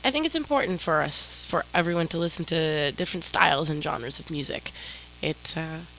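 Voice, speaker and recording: A woman DJ hosts her own music radio show from a static-filled home mic with faint noise, her nose stuffed up from a cold. She talks casually, rambling a bit, apologetic and self-deprecating, in a low, somewhat bright voice at a moderate pace on a low-quality recording.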